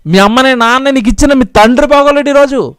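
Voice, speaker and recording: Impassioned high-voiced male preacher. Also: quick pace, a bit bright, clear, resonant tone, dry recording, studio quality. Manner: impassioned, repetitive pleading preaching. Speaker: pastor. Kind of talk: sermon.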